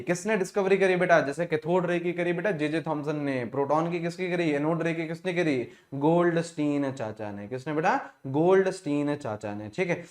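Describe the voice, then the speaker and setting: Indian accent, man, chemistry teacher, repeats key points, quizzes students, slightly high pitch. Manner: keeps asking students questions and answering himself; calls listeners beta, repeats key points. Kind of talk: exam revision lecture.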